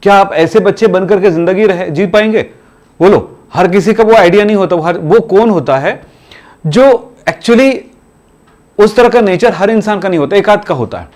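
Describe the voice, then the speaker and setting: A man's voice: sits high, moderate pace, darkish tone. A man teaching chemistry in a classroom, urging students to study every day in a repetitive, exhorting way. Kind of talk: classroom lecture.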